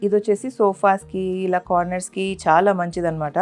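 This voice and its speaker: A woman vlogger narrating a product demonstration in a steady, explaining manner, mixing in English. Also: lowish voice, fairly quick, soft background music.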